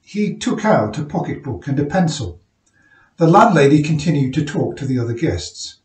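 A man reading a short story aloud in a measured, careful way. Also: fairly high pitch, big pitch swings. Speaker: amateur reader. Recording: roomy room, mic at a distance.

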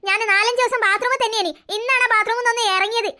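A woman's voice: very high voice, fairly even intonation, fast, pushed and bright, slight background noise. A woman voicing a cranky, bossy old grandmother in a cartoon, nagging and accusing.

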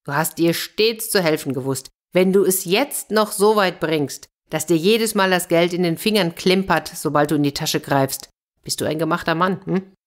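A cheerful, boastful scissor grinder in a storybook, coaxing and chummy, as a woman reader puts him on. The voice sits a bit above her own low register, with a slow, drawn-out delivery. He talks like a salesman closing a trade. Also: close to an everyday voice. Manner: jovial, coaxing. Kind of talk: children's fairy tale reading.

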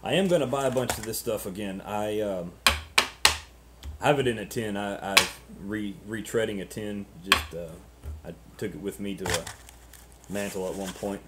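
A man in his thirties chatting casually and unscripted to camera as a vlogger, halting and ruminative, often repeating words, on noisy webcam audio. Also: on the low side. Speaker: pipe-smoking vlogger.

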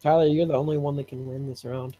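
Man with a dry, close, deadpan voice, correcting friends during a game. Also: mid-range voice, fast talker, no room sound. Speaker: game player. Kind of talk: casual banter while playing a party game.

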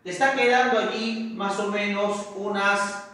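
A man's voice: sits high, fairly even intonation, a little slow, sharp tone, recorded from a distance. A male teacher explaining step by step in a recorded lesson, often checking with "¿correcto?". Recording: very echoey room, voice off-mic.

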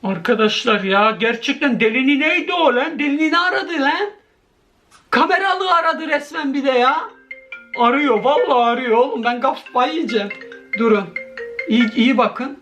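A man making a horror video, reacting out loud to a video call and talking to his viewers in a jumpy, excitable way. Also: extremely high pitch, moderate pace, soft background music. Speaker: horror YouTuber.

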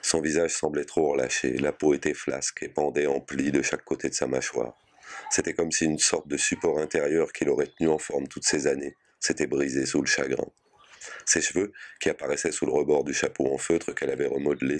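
Brief: male narrator, extremely low voice, measured audiobook reading. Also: level tone. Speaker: reader. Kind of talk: audiobook reading of a short story.

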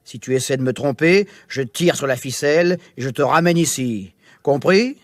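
A man putting on a slow, sneering hairy monster. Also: mid-range voice, dry recording, clean studio sound, natural voice. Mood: threatening. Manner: slow sinister cackling drawl. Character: hairy ugly male cave monster, sneering, hungry. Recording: music playing behind.

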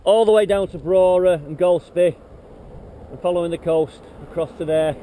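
Man, high voice, cyclist talking to camera outdoors, upbeat commentary, wind on the mic. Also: normal speed, mellow. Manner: chatty, upbeat, pointing out places along the way. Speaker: cyclist vlogger. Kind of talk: casual running commentary while riding. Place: outdoors on open coastal roads. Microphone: handheld action camera.

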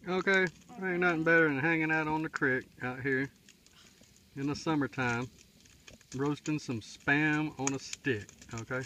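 Speaking at an unhurried pace in a fairly high-pitched voice, a middle-aged man records a casual outdoor vlog by a creek in the woods. The survival vlogger rambles folksily with plenty of fillers, filming on a handheld camera at arm's length whose outdoor mic sounds noisy.

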